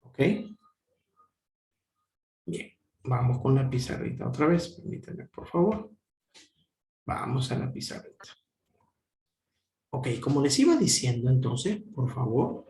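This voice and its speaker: A man's voice: medium pitch, big pitch swings, a little slow, pauses often, warm tone. A man teaching a classroom grammar lesson, stretching syllables and asking and answering his own questions. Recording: echoey room.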